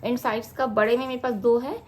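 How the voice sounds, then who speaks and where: A woman's voice: fairly high pitch, steady tone, fairly quick, slight background noise. A woman vlogger casually showing her beauty products and talking straight to her viewers. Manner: chatty, addresses viewers directly. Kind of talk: casual product show-and-tell vlog.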